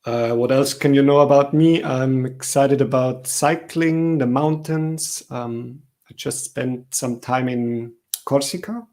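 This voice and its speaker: A man from Austria giving a talk at an online meetup, relaxed and speaking with frequent ums and uhs, over a video call. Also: mid-range voice, slow pace. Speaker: conference speaker.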